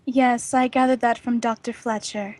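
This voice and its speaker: An actress playing a coy, poised young nurse in an old-time radio drama, with a softly teasing manner. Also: female voice, fairly high pitch, flat delivery, normal speed, dry recording, close to an everyday voice. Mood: demure.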